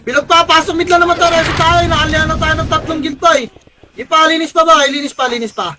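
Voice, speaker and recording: A young man calling shots for his guild in live game voice chat, firing off rapid repeated commands and frequent curses. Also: very high-pitched, fairly even intonation, noisy background. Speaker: guild shot caller.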